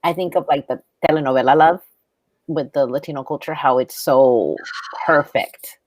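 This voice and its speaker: Low-voiced woman in her fifties, chatting. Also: moderate pace, no room sound. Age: 50s. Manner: relaxed, meandering, sleepy morning talk. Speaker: co-host therapist. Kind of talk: casual podcast chat.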